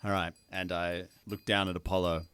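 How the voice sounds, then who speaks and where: Deep-voiced male player, wry. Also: little pitch movement, normal speed, fairly bright tone, clear, resonant tone. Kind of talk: casual tabletop play.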